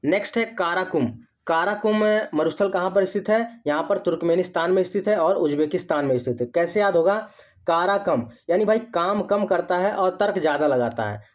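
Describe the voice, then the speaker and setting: A man's voice: sits high, animated, brisk. A young man with a North Indian accent, teaching exam memory tricks. He keeps asking questions and answering them himself, repeating each point.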